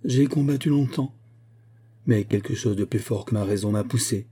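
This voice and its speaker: A man's voice: lowish voice, moderate pace, warm tone, breathy edge. A man voicing a remorseful young noblewoman who pleads earnestly with her husband in an audiobook reading. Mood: confessing.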